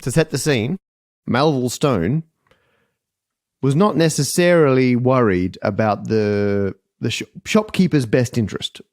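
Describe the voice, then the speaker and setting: A man hosting a podcast quiz game, with a wry, explanatory delivery. His voice sits at a middle pitch. The recording is dry and close. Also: measured pace, a little mellow, no echo. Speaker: quiz host.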